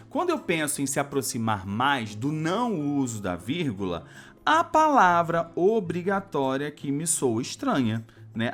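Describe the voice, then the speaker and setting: Man teaching grammar, lively pitch. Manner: explains step by step, often adds a checking "tá?". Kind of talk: exam-prep grammar lesson. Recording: faint music under the voice.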